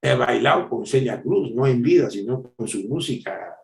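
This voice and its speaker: A middle-aged man preaching a devotional sermon as a pastor, telling stories with animated swings from loud exclamations to hushed asides. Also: medium pitch, moderate pace, vocal fry, reverberant.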